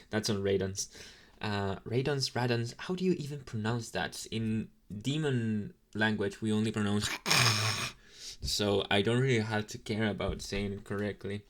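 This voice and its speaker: This ASMR roleplay has a man portraying a drowsy, inexperienced young demon who speaks casually to the listener, dropping halting, deadpan, mildly snarky asides. His voice is lowish and close to how he'd normally talk.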